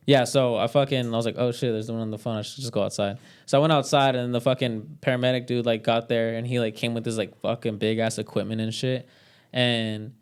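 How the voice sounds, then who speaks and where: Young man, clear smooth voice. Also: medium pitch, a little mellow. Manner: rambling, swears a lot, many "like" fillers. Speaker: podcast guest storyteller. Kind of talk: casual storytelling chat.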